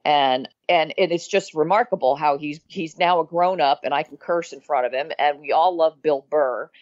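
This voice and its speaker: A woman's voice: sits low, normal speed, no echo, muffled recording. A woman guest on a podcast, chatting casually and laughing as she shares stories. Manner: lively, laughs often, chimes in. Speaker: guest, radio co-host. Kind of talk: casual chat.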